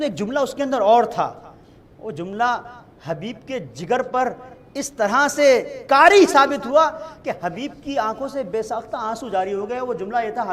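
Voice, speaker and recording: A man with a very high voice preaches a mourning sermon. His telling is dramatic, sinking to hushed passages and then climbing to wailing cries. He chants Arabic quotations slowly. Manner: recites Arabic quotations in slow chanted tones. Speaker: Shia cleric giving a Muharram majlis.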